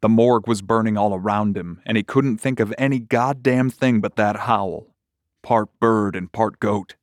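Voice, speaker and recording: Low-voiced man narrating horror. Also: moderate pace, no echo, clean studio sound. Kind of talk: horror story reading.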